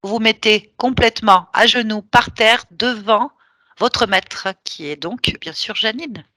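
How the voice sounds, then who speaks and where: Bright, commanding woman hypnotist. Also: on the high side, slow pace, no room sound, studio quality. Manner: commanding, teasing, firm. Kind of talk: hypnosis session.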